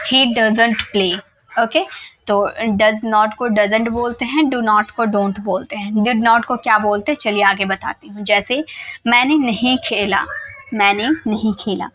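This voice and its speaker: A woman teacher with a slightly high voice walks viewers through an English lesson in a relaxed, conversational way. She repeats every example patiently and slowly, pausing often to check the listener is following. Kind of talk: casual explanatory lesson.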